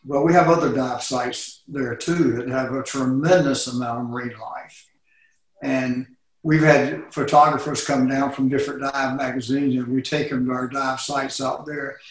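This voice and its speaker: A man who runs a dive business, answering interview questions in a relaxed, rambling way with many fillers. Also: medium pitch, moderate pace. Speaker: dive operator. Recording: very echoey room.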